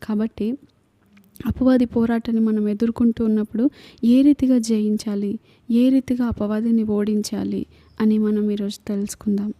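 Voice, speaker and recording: A woman's voice: mid-range voice, little pitch movement, normal speed, mellow. A woman with a Telugu accent, preaching an earnest sermon full of repeated lists and rhetorical questions.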